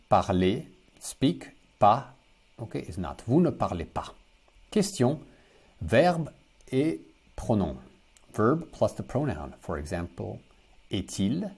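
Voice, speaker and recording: A man teaching a beginner lesson, saying each phrase slowly, repeating it and giving the for it. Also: lowish voice, vocal fry, darkish tone, husky. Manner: slow, repeats phrases and translates to English. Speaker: French teacher. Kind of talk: language lesson.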